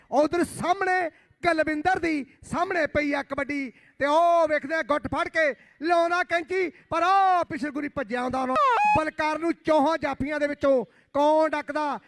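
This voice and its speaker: A man giving live kabaddi commentary in exclamatory, rhyming chants with drawn-out phrases. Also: extremely high pitch, a bit bright, no echo.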